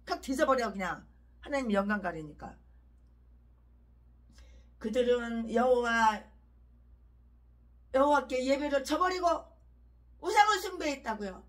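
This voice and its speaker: A woman's voice: on the high side, animated, a little slow, pauses often. A woman pastor giving a fiery sermon, ranting harshly with repeated emphatic phrases.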